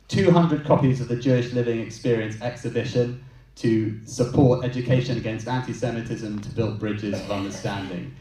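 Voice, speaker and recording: A man's voice: mid-range voice, warm tone. A man giving a prepared, earnest campaign speech as a candidate at a hustings. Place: large hall with an audience. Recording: echoey hall from far off.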